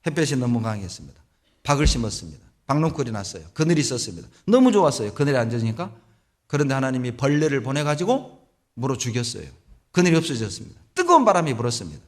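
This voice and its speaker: A middle-aged male pastor preaching a sermon in a church, telling Bible stories with animated delivery. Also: medium pitch, quick pace. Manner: animated storytelling, acts out biblical voices. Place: church sanctuary.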